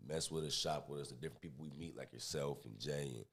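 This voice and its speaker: A man with a very deep voice, chatting easygoing as a guest on a casual podcast. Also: fast talker, slightly rough. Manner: laid-back, easygoing slang. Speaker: guest, clothing brand owner.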